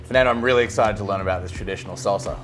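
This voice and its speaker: A man's voice: on the low side, fairly bright tone, soft background music. A man hosting a cooking show, asking questions and reacting with enthusiasm in a restaurant kitchen. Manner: upbeat and enthusiastic, quick reactions. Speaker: host. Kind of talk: casual cooking-show interview.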